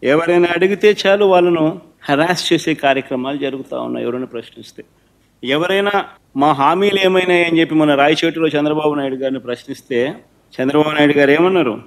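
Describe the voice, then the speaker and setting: Slightly high-voiced man giving a speech. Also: fast. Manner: sarcastic, accusing. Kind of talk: political speech.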